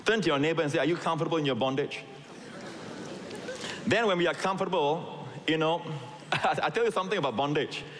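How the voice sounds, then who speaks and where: A middle-aged man from Singapore who grew up in Malaysia preaches a sermon, throwing in emphatic asides and calling out to the congregation. His voice sits a little high with a fairly bright tone. Long reverb fills the recording, as in a large hall.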